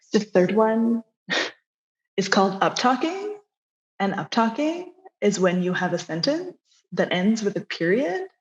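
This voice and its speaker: A woman presenting a live workshop in a friendly, encouraging, conversational way. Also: lowish voice. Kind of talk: live online workshop talk. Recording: slightly dull lo-fi audio.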